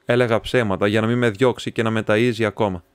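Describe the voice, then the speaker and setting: A man's voice: on the low side, fairly even intonation, smooth, dry recording, lightly acted. Terse, bitter young student , voiced by a male narrator; dry sound. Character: brooding poor young male student, ashamed.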